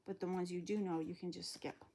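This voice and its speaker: A woman's voice: on the low side, flat delivery, brisk, vocal fry, warm tone. A woman reading a math lesson aloud to a child and explaining each step in a casual, patient way, a little out of breath. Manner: casual, explains steps patiently, trails off mid-sentence. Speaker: homeschool teacher.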